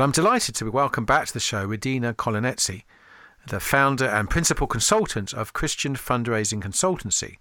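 Male radio host, bright forward tone, polished delivery. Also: mid-range voice, no room sound, studio quality. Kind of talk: radio interview.

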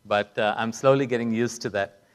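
A middle-aged doctor from Kuwait and South India tells his own story as a guest speaker on a conference stage. His mid-range voice is brisk with fairly even intonation, suited to a public talk of personal storytelling.

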